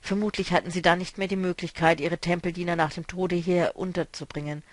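A man reading a novel aloud, voicing a weary, melancholy male traveler who speaks quietly and broodingly. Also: high voice, little pitch movement, brisk, no echo, natural voice. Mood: explaining.

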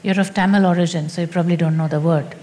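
A woman spiritual teacher speaking in a slow, deliberate and emphatic way in a teaching dialogue. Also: lowish voice, fairly even intonation, dark tone, long reverb tail.

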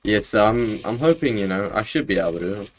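A man's voice: lowish voice, expressive, moderate pace. A young man with a broad New Zealand accent chatting casually on a gaming livestream in a laid-back, rambling, slangy way. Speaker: game streamer. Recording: clear background noise, keyboard and mouse clicks. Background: keyboard typing and clicks.

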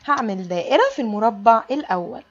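A woman's voice: on the high side, expressive, fast talker, muffled recording. A woman with an Egyptian Arabic accent, teaching a kindergarten alphabet lesson in a sing-song way and stretching out the letter sounds for small children.

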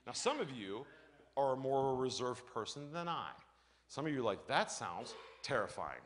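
A male pastor preaching a lively sermon, telling personal stories and acting out the voices in them. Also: mid-range voice, normal speed. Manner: animated storytelling, acts out voices, shouts and laughs.

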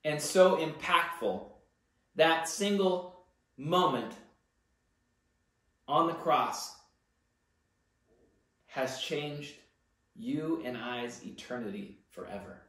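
A middle-aged pastor with a fairly high, slightly bright voice preaches a sermon in a church library room lined with bookshelves. He is animated and earnest, pressing on key words, and speaks extremely slowly with frequent pauses. A distant camera records him in the very echoey room.

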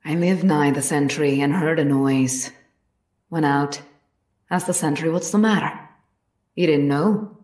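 A woman plays a plain-spoken, devout soldier's wife giving firm, earnest testimony in a historical courtroom drama, her formal delivery full of period phrasing. Her voice is low and darkish, a little slow, with long pauses. The recording has a roomy echo from a distant mic.

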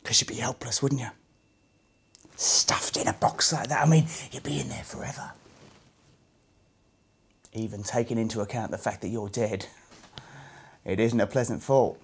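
A man's voice: fairly low pitch, steady tone, moderate pace, husky. An actor in his thirties playing a chatty, musing Cockney gangster in a dramatic monologue, wry and conversational. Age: 30s. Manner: conversational, musing, swinging between muttering and exclaiming.

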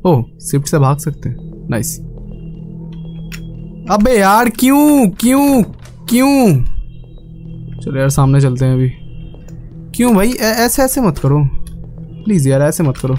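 A man's voice: high-pitched, lively intonation, unhurried, long pauses, a little mellow, faint music behind. A young man giving casual, jokey commentary on a horror game, often pleading with the game. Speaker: gaming YouTuber.

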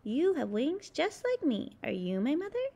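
Woman voicing a high, pleading little bird. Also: wildly swooping pitch, moderate pace, vocal fry, warm tone, exaggerated voice. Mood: hopeful, eager. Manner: pleading, exclaiming. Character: small lonely young male bird, eager and plaintive.

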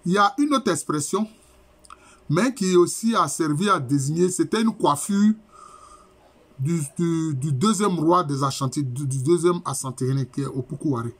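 A middle-aged man, lecturing as a professor and explaining terms slowly with many repetitions. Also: fairly high pitch, lively intonation, husky. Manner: explains terms slowly, repeating key phrases. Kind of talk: university lecture.

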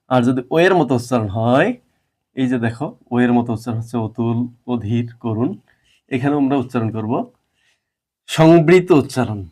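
A man's voice: medium pitch, darkish tone. Man teaching a grammar lesson. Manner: explains step by step, asks students questions.

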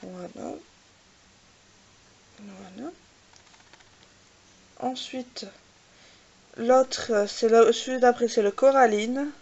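A fairly high, slightly mellow woman's voice in a muffled recording hosts a casual makeup swatch vlog. Hesitant throughout, she fills silences with "euh" and "voilà" and keeps up self-mocking little jokes about her English pronunciation.

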